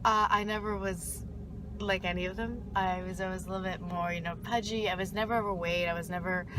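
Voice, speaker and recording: A young woman talks frankly about growing up, stopping and restarting as she finds her words. She is recorded outdoors by a street, with loud traffic sounds all around her. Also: medium pitch, fairly even intonation. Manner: frank, halting, with many fillers. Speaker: interviewee. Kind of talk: personal testimony.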